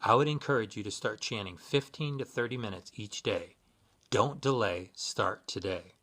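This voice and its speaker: A man giving sincere, measured spiritual guidance in a scripted instructional talk, with occasional fillers. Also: fairly low pitch, fairly bright tone. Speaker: Buddhist practitioner giving guidance.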